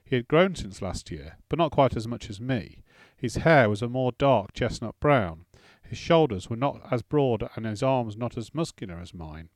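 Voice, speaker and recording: Male audiobook narrator, mid-pitched, steady first-person storytelling, dry close mic. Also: no room sound.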